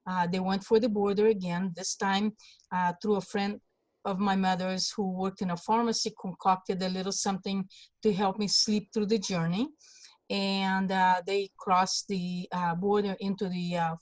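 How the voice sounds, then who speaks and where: A woman in her sixties, born in Hungary, telling her life story as an interview guest with many pauses and fillers. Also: mid-range voice, darkish tone, dry recording. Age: 60s. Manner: halting, many fillers and restarts. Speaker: guest, congressional candidate.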